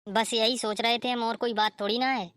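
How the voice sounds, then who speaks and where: A woman's voice: fairly high pitch, fairly even intonation, fairly quick, a bit bright, dry recording, studio quality, close to an everyday voice. A woman voicing a scolding, complaining older mother-in-law in a cartoon story.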